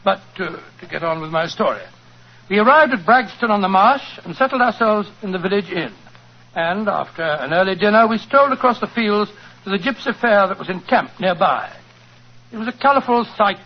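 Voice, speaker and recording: Radio play, vintage sound: genial older English doctor, high-pitched, courteous, avuncular, a natural storyteller. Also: male voice. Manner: avuncular, old-fashioned, courteous. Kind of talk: 1940s radio drama acting, storytelling. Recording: dull, noisy 1940s radio recording.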